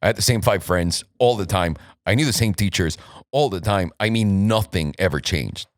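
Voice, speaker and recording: A man's voice: sits low, moderate pace, no room sound, clean studio sound. A man from Mexico co-hosting a podcast, telling stories candidly and swearing freely. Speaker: podcast co-host. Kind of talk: casual podcast chat.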